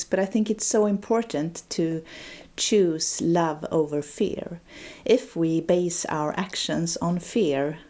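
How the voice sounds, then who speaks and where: A middle-aged woman, hosting a podcast and speaking her reflections slowly and thoughtfully, then reading from a book. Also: fairly low pitch. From Sweden. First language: Swedish. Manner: slow, thoughtful and gentle. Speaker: podcast host.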